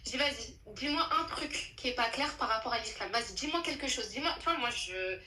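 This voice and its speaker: A young woman telling a true story in a casual chat, animated and slangy, with many restarts. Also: a little high, brisk, reverberant, poor audio.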